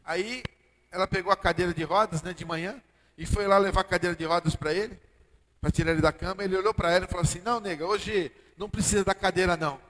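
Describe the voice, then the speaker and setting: A Brazilian man preaching from the pulpit in a fairly high voice, his words ringing out with a long church-hall reverb. He talks directly to the congregation and keeps asking them for an "Amém?". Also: fairly even intonation, fast talker, a bit bright. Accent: Brazilian Portuguese. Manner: preaching with call-and-response "Amém?". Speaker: pastor. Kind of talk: sermon.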